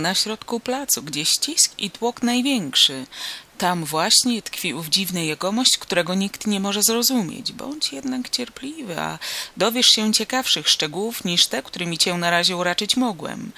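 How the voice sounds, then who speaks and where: An excitable male bystander from an old storybook shouts every scrap of rumour he hears, high and loud, repeating himself for emphasis, as a woman reading the tale puts him on. His voice is bright and edged with a gravelly rasp. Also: heavily acted.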